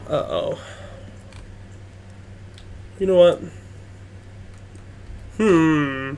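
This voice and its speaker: A man's voice: a little high, very slow, a little mellow. A man casually commenting on a game as he streams, hesitant and muttering to himself. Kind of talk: casual live gameplay commentary. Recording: faint background noise.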